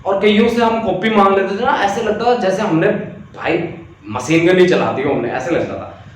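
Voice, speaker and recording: A man's voice: sits high, moderate pace. A male physics teacher giving an online class lecture, chatty, reading out student comments and making joking asides. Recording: distant mic in echoey room, faint noise.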